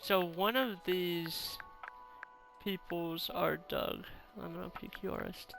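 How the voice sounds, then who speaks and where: A woman streamer chats through a game, playful and quick to react. Her voice is bright and forward, with game music faintly behind it. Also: lowish voice, fairly even intonation, vocal fry. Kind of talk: casual playthrough commentary.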